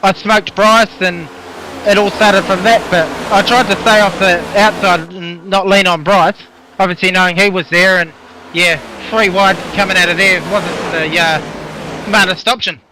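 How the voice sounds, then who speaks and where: A man's voice: high voice, fairly even intonation, normal speed. A man with a New Zealand accent, a racing driver chatting casually mid-race in a laid-back, slangy way. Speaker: racing driver being interviewed. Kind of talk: casual chat during a race. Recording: clear buzzing engine noise. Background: buzzing engine.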